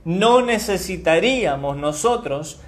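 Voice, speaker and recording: A man giving a teaching sermon as a Bible teacher, emphatic, repeating key words and spelling them out slowly. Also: high-pitched, expressive.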